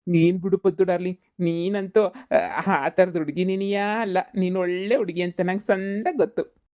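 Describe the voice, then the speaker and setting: A woman's voice: lowish voice, fairly even intonation, normal speed, a little mellow, natural voice. A woman doing a sweet-talking village suitor. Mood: coaxing. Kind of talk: cartoon comedy voice acting.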